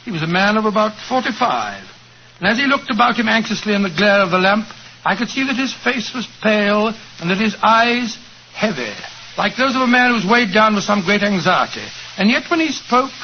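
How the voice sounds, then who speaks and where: An actor playing a genial, avuncular doctor telling a story in a 1940s radio drama. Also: male voice, sits high, lively intonation, brisk. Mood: storytelling. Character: genial older doctor, Holmes's friend and narrator. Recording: dull old radio broadcast with hiss.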